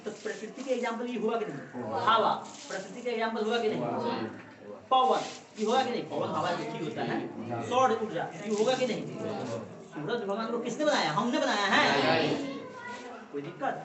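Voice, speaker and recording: A woman teacher lectures a class and keeps checking in with quick questions to coax her students along. She is heard from across an echoey classroom, with a crowd of students clearly audible around her. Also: a little high, lively intonation, distant mic.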